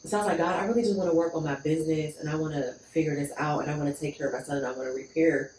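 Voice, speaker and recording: A woman's voice: sits low, very fast. A woman from Pittsburgh, a guest telling her personal story in conversation and acting out what she said back then. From Pittsburgh, USA. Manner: animated storyteller acting out her own past lines. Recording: echoey room, distant mic, faint noise.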